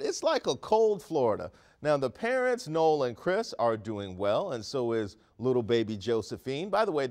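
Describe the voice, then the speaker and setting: On a studio set, a host in his thirties delivers a comedic news monologue in a mid-range voice, full of animated, mock-outraged energy and playful asides.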